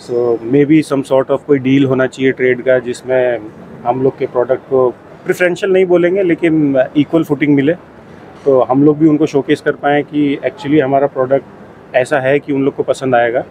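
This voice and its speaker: A man from Jaipur, an exhibitor at a garments fair, answering interview questions in a mix of Hindi and English with many pauses. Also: mid-range voice, fairly even intonation, a little mellow, slight background noise, poor audio. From Jaipur, India. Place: busy trade fair hall.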